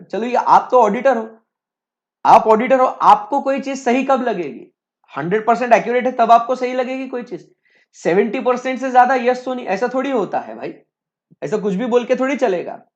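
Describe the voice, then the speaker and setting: A man's voice: very high-pitched, expressive, normal speed, highs cut off. A male teacher giving a live online lecture, talking conversationally and repeatedly checking in with his students.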